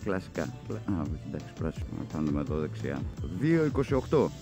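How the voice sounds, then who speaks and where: A man's voice: rumbling low, very animated. Greek guy rambling on his bike at night, lots of "eh"s, helmet mic, music bed playing under him. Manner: rambling, self-mocking, full of fillers. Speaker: motovlogger. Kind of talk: casual chat while riding. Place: riding a motorcycle at night on city streets. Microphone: external recorder mic inside a helmet.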